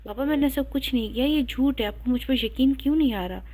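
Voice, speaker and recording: A woman's voice: a little high, mellow, lightly acted. A woman voicing a tearful young daughter who pleads her innocence, in an audio novel. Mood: pleading.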